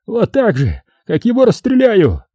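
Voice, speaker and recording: A man voicing a shrill, vicious male militia commander in an audiobook, yelling threats in a screeching voice. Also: wildly swooping pitch, measured pace, husky, no echo, studio quality, full character voice. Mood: menacing. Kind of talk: audiobook reading.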